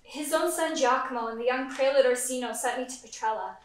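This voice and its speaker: A woman acting as a broken male assassin fresh from torture, pleading in a high, shaking voice. The stage sound is distant and ringing with echo. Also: brisk, natural voice. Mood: desperate. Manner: begging and desperate. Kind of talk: stage acting in a live play. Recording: echoey hall from far off.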